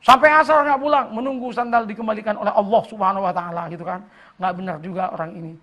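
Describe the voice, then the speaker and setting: A man preaching a sermon to a study gathering. He recites scripture slowly, explains it plainly, and jokes with the audience. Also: high-pitched, lo-fi sound. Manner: joking with the audience, voice rising when animated. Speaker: Islamic preacher.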